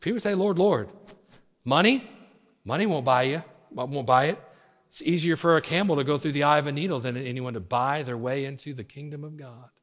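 A pastor preaching a sermon, swinging from loud urgent exhortation to low hushed words. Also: male voice, a little fast. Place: church sanctuary. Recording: long hall reverb.

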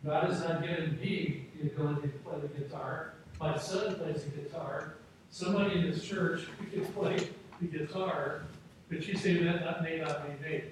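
A man's voice: fairly high pitch, fairly even intonation, noisy background. Echoey preaching man from far off. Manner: preacher's cadence with emphatic rising phrases and slowed scripture reading. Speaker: pastor. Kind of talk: sermon. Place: church auditorium.

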